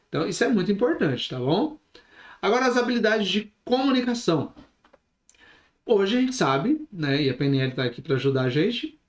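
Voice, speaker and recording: A man teaching a recorded online lesson, lively, shifting his pace and volume on purpose and often asking the listeners questions. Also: high-pitched, reverberant. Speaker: instructor.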